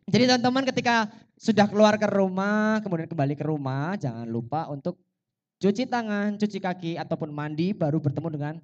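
A man's voice: high-pitched, fairly quick, muffled recording. A man with a Javanese accent emceeing a live music night in a coffee shop, teasing his co-host and mixing formal announcements with banter. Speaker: event MC. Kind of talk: joking live event banter.

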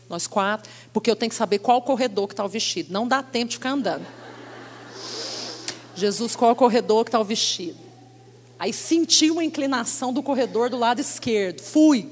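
Animated woman preaching in a reverberant hall. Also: a little high. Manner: animated storytelling, acting out dialogue. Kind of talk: sermon with personal testimony.

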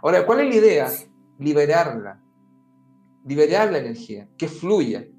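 Guy with a highish voice explaining stuff on a podcast, roomy echo. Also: big pitch swings, normal speed, darkish tone. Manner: talks straight to the listener, often saying "mira" and "amigo". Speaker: podcast guest giving advice. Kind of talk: conversational explaining. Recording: roomy echo with faint music.

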